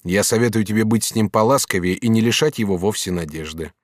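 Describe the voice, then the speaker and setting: A low, firm master artist, as a man acts him out, proud and sly, with a hot temper under the calm. He speaks in measured, commanding phrases. The recording is close and dry. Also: dry recording, lightly acted. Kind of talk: audiobook character reading.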